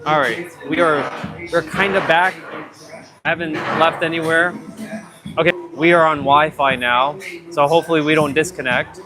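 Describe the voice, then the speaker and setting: A man's voice: fairly high pitch, steady tone, moderate pace, over music, low-quality recording. Man on noise-cancelled mic, walking tour. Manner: rambling, many "like" fillers. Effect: noise cancellation processing with noise reduction artifacts. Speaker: vlogger. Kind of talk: casual walking tour vlog. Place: outdoor shopping plaza.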